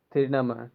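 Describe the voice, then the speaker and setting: A man with a mid-range voice explains a school textbook lesson slowly and deliberately, repeating each phrase so his students can follow. He clears his throat now and then, and the sound is thin and tinny, like a phone line.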